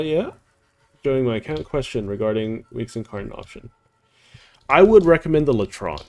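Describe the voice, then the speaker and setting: A man giving casual gameplay commentary as a streamer, rambling with many "like"s and "uh"s. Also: mid-range voice. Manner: rambling, heavy on "like" and "uh".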